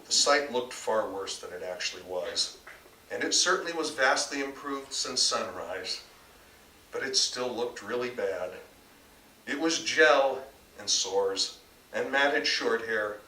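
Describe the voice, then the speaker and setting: An author performs a scripted reading of his own story at a bookstore event, emphatic and dramatic before the crowd. His voice leans low yet sounds pushed and bright. Faint noise and room echo come through the distant microphone.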